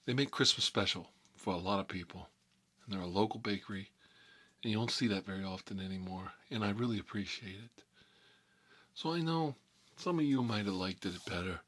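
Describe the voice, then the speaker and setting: With a low-pitched, slightly bright voice, the host of a character story series takes on the role of a folksy, nostalgic mob boss. He spins rambling stories in a casual ASMR style, friendly in mood and peppered with "you know."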